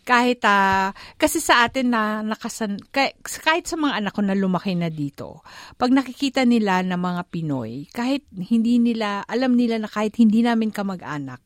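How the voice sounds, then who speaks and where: A woman's voice: medium pitch, moderate pace, no room sound, studio quality. A middle-aged woman from the Philippines, hosting a casual radio chat with a laughing, storytelling manner. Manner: chatty, laughing, animated storytelling. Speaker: radio host. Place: radio studio.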